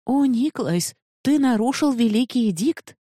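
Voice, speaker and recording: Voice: medium pitch, expressive, measured pace, warm tone, no echo, voice pushed up. A reader voicing a brave young woman who stands up firmly to armed guards, in a dry, close recording. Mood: urgent. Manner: firm, imploring. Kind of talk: audiobook character voice.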